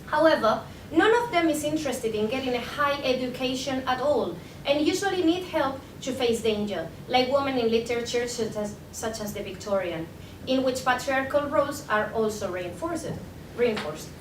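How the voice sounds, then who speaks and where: At a moderate, animated pace, a young Spanish woman working on her PhD reads her conference paper from a script, careful but prone to the odd stumble and self-correction. It was captured indoors at the conference on a distant mic, with echo and a faint rumble.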